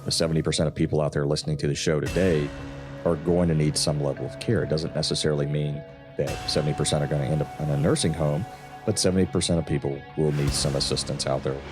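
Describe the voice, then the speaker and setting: A man's voice: a bass voice, steady tone, quick pace, over music. A man, a financial advisor co-hosting a radio talk show, chatting loosely with fillers and restarts.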